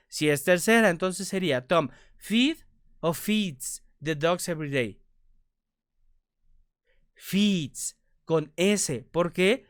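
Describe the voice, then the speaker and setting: Slow, patient male teacher, clear voice. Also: sits high, dry recording, studio quality. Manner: patient, asks questions aloud then answers them; repeats points, checks understanding with "ok?". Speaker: English teacher. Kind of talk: video grammar lesson.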